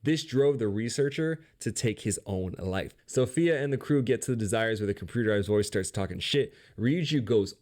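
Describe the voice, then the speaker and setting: Brief: male narrator for a game story recap, lowish voice, sarcastic and crude wisecracks. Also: expressive, normal speed, few pauses, darkish tone.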